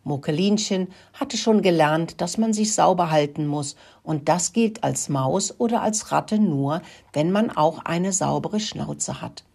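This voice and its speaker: An older woman with a husky voice narrating a children's story in a friendly, lively way. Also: low-pitched, a little slow, few pauses.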